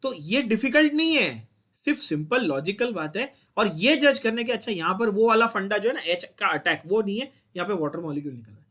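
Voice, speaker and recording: Brisk and lively in intonation, this high, bright, forceful male voice leads a chemistry lecture. The Indian-accented teacher walks through each step and regularly checks on his class.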